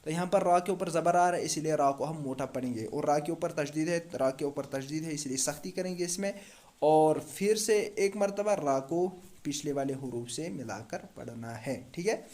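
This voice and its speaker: A man's voice: a little high, darkish tone. Patient man teaching Quran recitation. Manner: patient, repeats letters and asks the class questions. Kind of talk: step-by-step tajweed lesson.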